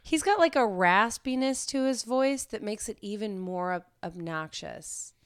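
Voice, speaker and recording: Young woman co-host, chatty and blunt storyteller, very smooth tone. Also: medium pitch, measured pace. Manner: blunt, laughing storyteller, many "like"s. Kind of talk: casual chat.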